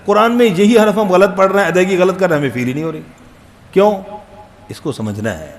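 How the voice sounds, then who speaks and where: A man teaching a Quran recitation lesson, quizzing the students and calling out letter sounds loud and long. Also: high voice, lively intonation. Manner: drills letters aloud, loud and drawn out; asks students questions, jokes. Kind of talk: classroom tajweed lesson.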